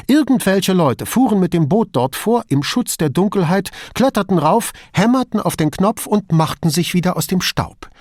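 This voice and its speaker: A cool, firm policewoman, played by a male reader, stern and deliberate. The voice is lifted a little above his own and moves with a lively lilt. The sound is dry and close. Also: high voice, dry recording, voice pushed up.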